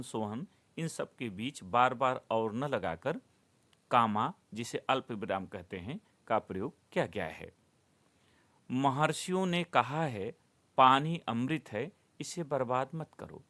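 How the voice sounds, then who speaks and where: A middle-aged man teaching a Hindi grammar lesson, explaining rules step by step and listing items slowly, as if for dictation. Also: mid-range voice, a bit bright. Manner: slow, deliberate, dictation-like enumeration.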